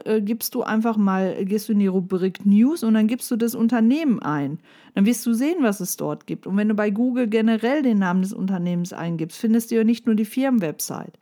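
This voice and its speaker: Woman, application coach, mellow voice, direct and lively delivery. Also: medium pitch. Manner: direct, lively, addresses listener as du. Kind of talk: coaching monologue with tips.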